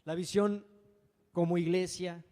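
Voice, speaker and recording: A man's voice: sits high, level tone, measured pace, darkish tone. A man preaching a sermon as pastor, dramatic and acting out frightened voices. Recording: long hall reverb.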